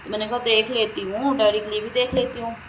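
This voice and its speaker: A woman's voice: fairly high pitch, little pitch movement, quick pace, a bit bright, rough recording. A middle-aged woman narrating a shopping trip in a casual vlog, rambling and repeating herself as she talks. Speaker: vlogger. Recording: faint background noise.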